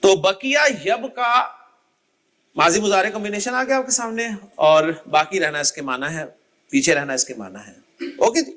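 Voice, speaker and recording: During a classroom lecture on Arabic grammar, a man patiently explains and calls on students by name to recite word endings. His voice is high, expressive and fairly bright, at a normal speed.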